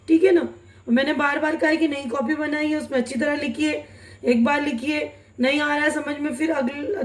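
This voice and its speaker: A young woman with a high, light voice gives an online language lesson. She reads each example word slowly and carefully, and keeps pausing to check that her students are following. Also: echoey room. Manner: reads example words slowly and deliberately, with frequent checking tags. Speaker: Urdu teacher.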